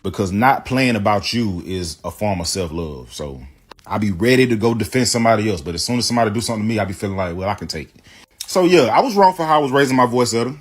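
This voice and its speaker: A storytime vlogger talks straight to his viewers, emphatic and defensive as he rebuts claims point by point. He talks fast with a lowish voice, lively intonation and a breathy edge.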